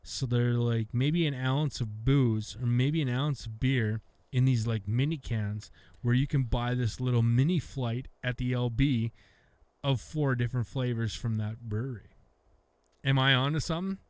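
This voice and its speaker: A man's voice: mid-range voice, normal speed, darkish tone, no echo. A Canadian man co-hosting a beer podcast, talking casually with lots of swearing and restarts. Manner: profane, rambling, restarts often. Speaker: podcast co-host.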